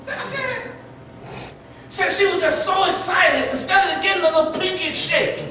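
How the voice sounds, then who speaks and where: A man preaches with a strikingly high, bright voice, pushing his phrases up into shouts. He sounds far from the mic in a very echoey church sanctuary. A faint hiss sits under the live-stream recording. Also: lively intonation, normal speed. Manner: fervent, repeating phrases, rising to shouts. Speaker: pastor. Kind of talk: preaching sermon.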